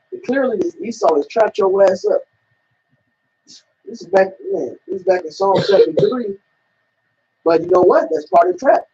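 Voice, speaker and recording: A man reads scripture and preaches to his friends in a casual, profane, slangy way. His voice is deeply husky and dark, and it swings widely in pitch. The recording sounds dull and lo-fi. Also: distant mic. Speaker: scripture reader leading the discussion. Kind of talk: casual religious discussion.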